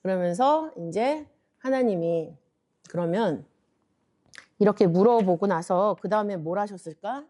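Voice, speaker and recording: A woman preacher gives a gentle children's Bible lesson, speaking as a mother to her child. She asks questions and answers them herself, soft and patient. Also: mid-range voice, lively intonation, unhurried. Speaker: junior preacher teaching a parents' lesson.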